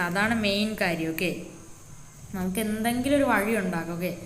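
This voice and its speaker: A woman narrates a mobile game for her channel, rambling and repeating okay. Her voice sits high. The room is echoey and there is a faint hiss. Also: a bit bright. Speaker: gaming channel host. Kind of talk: gameplay narration.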